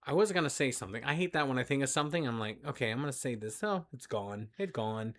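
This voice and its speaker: A man's voice: mid-range voice, animated, fast talker. A congested man co-hosting a casual late-night chat, joking and teasing himself. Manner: joking, self-mocking banter. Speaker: co-host.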